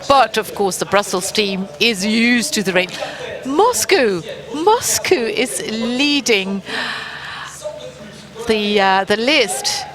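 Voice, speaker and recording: A woman's voice: fairly high pitch, expressive, slow, a crowd in the background. A woman giving live sports commentary in an encouraging, exclaiming way, often repeating her phrases. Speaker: live event commentator, also relaying a translator's words.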